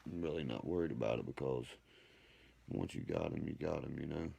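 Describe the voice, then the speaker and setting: A man hosts his own livestream in a rambling monologue, ranting profanely and boasting as he answers viewer comments. His voice is rumbling low, gravelly, husky and mellow, brisk with big pitch swings, and the audio sounds dull.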